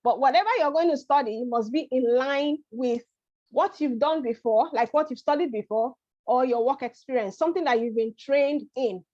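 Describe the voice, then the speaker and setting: A woman's voice: sits high, normal speed, darkish tone, no echo. Chatty woman webinar presenter, dull audio. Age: middle-aged. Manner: chatty, repeats "okay?" to check in. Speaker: immigration advisor presenting a webinar.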